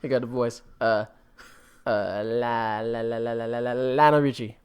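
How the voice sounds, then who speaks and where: A doddering old grandpa, as a podcast host puts him on, wandering from one half-finished thought to the next. He drifts on and on without reaching a point, at an ordinary middle pitch. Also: fairly even intonation, moderate pace, a little mellow, smooth, lightly acted. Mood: rambling. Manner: meandering, loses his thread. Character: rambling old grandpa man.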